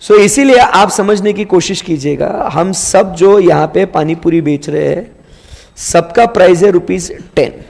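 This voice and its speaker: A man's voice: sits high, unhurried, vocal fry, darkish tone, big-room sound. A male teacher giving a classroom economics lecture who asks questions and then answers them himself.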